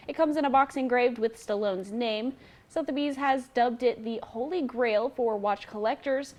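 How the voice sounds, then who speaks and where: A woman co-anchor reading news items and laughing along with her partner. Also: fairly high pitch. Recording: faint background noise.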